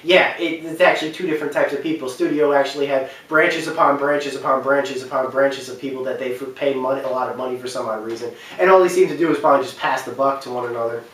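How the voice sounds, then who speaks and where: A video commentator delivers an unscripted opinion piece on film and games, pressing his points hard and repeating phrases for emphasis. His mid-range voice is steady and a bit bright, moving at a quick clip with few pauses. The recording comes from a very echoey room with a distant mic.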